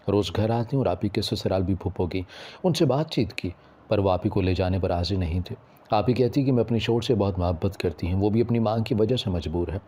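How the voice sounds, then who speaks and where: Low, mellow male storyteller. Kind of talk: scripted narration of a first-person moral story.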